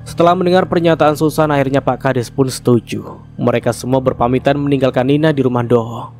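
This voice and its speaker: Male storyteller, horror story narration, steady measured delivery, mid-pitched voice. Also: faint music behind.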